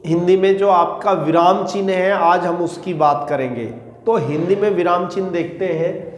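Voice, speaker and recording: A man teaching a Hindi grammar lesson for exam students, speaking slowly and repeating key words so they can take notes. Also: sits high, echoey room, a little hiss or hum. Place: classroom or small teaching room.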